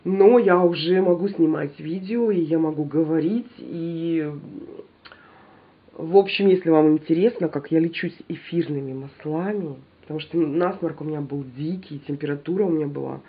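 This woman's low voice carries a breathy edge, moves at a moderate pace, and comes through with phone-quality sound. Congested from a cold, she's at home showing her viewers a shopping haul. Her manner is animated and talkative, and she addresses viewers directly.

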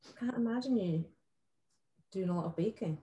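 A woman's voice: mid-range voice, normal speed, mellow. A woman hosting a casual chat, asking short, curious questions of her guest. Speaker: host.

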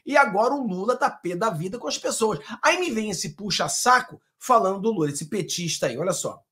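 A man's voice: sits high, expressive, fairly quick, sharp tone. A man from Brazil giving combative, sarcastic political commentary over video clips.

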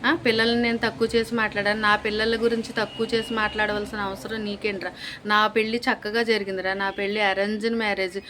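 Fast-talking woman scolding in a flat tone. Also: medium pitch, slight background noise. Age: young adult. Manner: scolding, accusatory, repetitive insults. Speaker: vlogger. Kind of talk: angry direct-to-camera rant.

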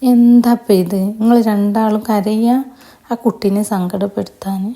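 A woman's voice: medium pitch, fairly even intonation, unhurried, dark tone, natural voice. A woman voicing an older grandmother who fusses and scolds insistently. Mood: scolding. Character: fussing, caring older grandmother.

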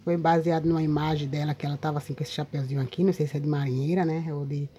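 A Brazilian woman with a lowish, mellow voice chats to her viewers, often checking in with little tag questions. She is recorded outdoors, and a faint ambience sits behind her. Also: fairly even intonation, very fast, slight background noise. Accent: Brazilian Portuguese. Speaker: paper craft video maker. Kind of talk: casual show-and-tell vlog. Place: outdoors in a windy spot.

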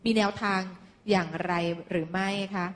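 A woman's voice: fairly low pitch, steady tone, normal speed. Bubbly woman TV host. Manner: bubbly, exclamatory, frequent polite backchannels. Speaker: TV program host. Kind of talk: TV show hosting.

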